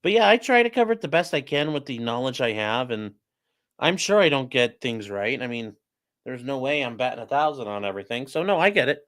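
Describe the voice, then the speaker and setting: Building a model on stream, this legal commentator and streamer reads viewer comments aloud and responds directly to chat, joking and sarcastic in a casual, offhand way. He speaks briskly in a mid-range voice with big pitch swings and a fairly bright tone.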